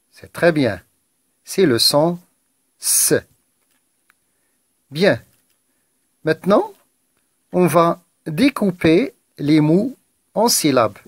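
Slow, patient male French teacher. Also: fairly high pitch, no echo. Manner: slow, patient, repeating words syllable by syllable with praise. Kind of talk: slow, deliberate French reading lesson for children.

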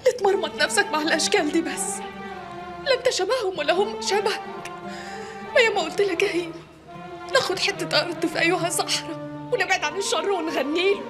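A woman's voice: very high voice, fast talker, long pauses, music in the background. An actress playing a distraught working-class woman who laments and reproaches in an Egyptian accent. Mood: lamenting. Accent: Egyptian Arabic. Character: distraught working-class woman fretting over her man. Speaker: grieving relative.

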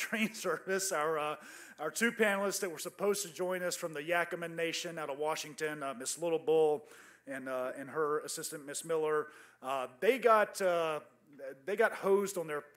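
A man acting as conference emcee, introducing a panel in a halting, chatty way with many fillers. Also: fairly high pitch, a bit bright. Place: conference hall stage.

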